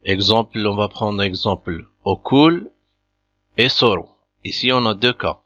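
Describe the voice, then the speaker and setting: Slow, bright-toned male language teacher. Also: lowish voice. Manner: patient, methodical, repeats examples. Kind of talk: slow beginner language lesson. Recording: dull lo-fi dry recording.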